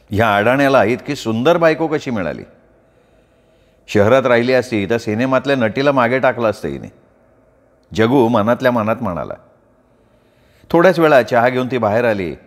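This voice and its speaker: A man narrating an audiobook in a measured, descriptive storytelling manner. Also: mid-range voice, lively intonation.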